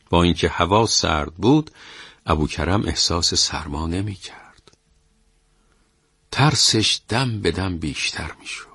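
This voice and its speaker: A man narrating a folktale in a measured way and speaking directly to his listeners. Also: deep voice, fairly bright tone, no room sound, studio quality. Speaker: storyteller.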